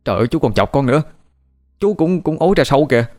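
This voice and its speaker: A man voicing a terrified young man who stammers in a high, panicky voice. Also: lively intonation, fast talker, a little mellow, no room sound, studio quality, soft background music, lightly acted. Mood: whiny.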